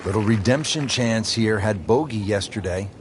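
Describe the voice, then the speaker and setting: A man doing play-by-play commentary on a golf broadcast, with a smooth, measured announcer delivery. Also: fairly low pitch, noisy background. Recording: game broadcast with music behind.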